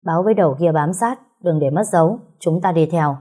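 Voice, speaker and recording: A woman's voice: fairly low pitch, brisk, mellow, husky. A woman voicing a cold, decisive older sister who leads a gang, speaking curtly. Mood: commanding. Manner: cold, curt.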